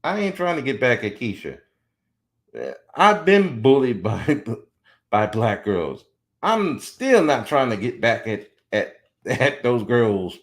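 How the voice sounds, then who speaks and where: Taking his time, a mid-range-voiced podcast host in his forties offers animated, blunt opinions. When he quotes other people, he occasionally does so mockingly.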